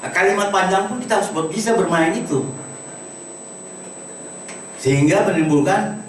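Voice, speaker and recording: A man's voice: high voice, moderate pace. A man teaching an acting workshop, explaining vocal technique and demonstrating single words with shifting intonation. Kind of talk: lecture to a workshop. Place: large room at a workshop. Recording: echoey room recorded from a distance with background noise.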